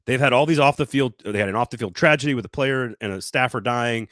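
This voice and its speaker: An animated man argues his case on a sports talk show, often stopping and restarting mid-thought. His voice sits in a middle pitch, recorded close and dry. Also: no echo. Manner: animated, talks in quick restarts. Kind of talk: casual sports debate.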